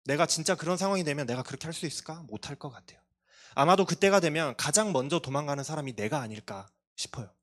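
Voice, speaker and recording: A man's voice: fairly high pitch, expressive, quick pace. Earnest male pastor preaching. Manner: earnest, confessional, with self-deprecating asides. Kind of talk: youth sermon. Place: church.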